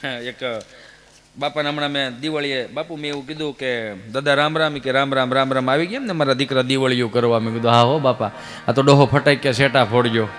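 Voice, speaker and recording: Performing Gujarati folk comedy on stage at a religious gathering, this man speaks fairly quickly in a bright mid-range voice with fairly even intonation. As a stand-up comedian, he voices each character's lines in a different way.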